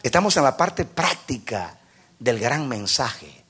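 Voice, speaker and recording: A male pastor preaching an impassioned sermon that rises to shouted peaks. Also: mid-range voice, very animated, takes it slowly, breathy edge.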